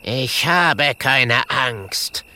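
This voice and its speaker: A man voicing a stern, skinny female ghost with a cutting, croaky voice in a storybook reading. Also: fairly high pitch, wildly swooping pitch, slow pace, sharp tone, voice pushed up, full character voice.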